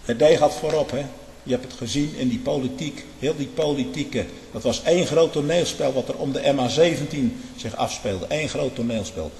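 A man's voice: normal speed, vocal fry. Fiery preacher man in an echoey hall. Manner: fiery and emphatic, swings from loud outbursts to low muttering. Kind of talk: impassioned sermon-style monologue. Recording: echoey hall with long reverb.

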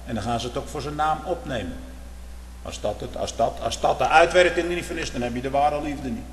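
A fervent man preaches with a cadence, firing off rhetorical questions and swinging between loud outbursts and low murmurs. His voice rings through a large, echoey hall with a long reverb and a faint hum underneath. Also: brisk. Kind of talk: sermon. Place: church.

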